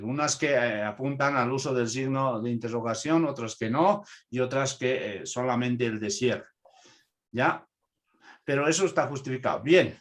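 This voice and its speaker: Peruvian guy teaching a translation class online, explains slow and keeps checking in, middle pitch. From Peru.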